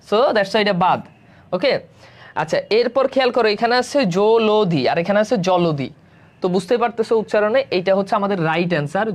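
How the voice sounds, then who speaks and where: A man teaching a live online exam-prep class. He explains each answer step by step, often checks in with his students, and mixes English words into his speech. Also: sits high.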